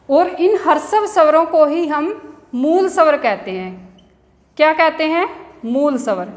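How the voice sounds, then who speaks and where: A woman school teacher giving a grammar lesson, explaining step by step and asking and answering her own questions. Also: high-pitched. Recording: echoey room with long reverb.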